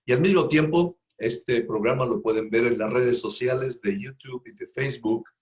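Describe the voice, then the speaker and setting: A man with a medium-pitched voice hosts a radio interview at a moderate pace, speaking into a studio microphone. His informal introduction rambles and repeats itself, padded with filler words.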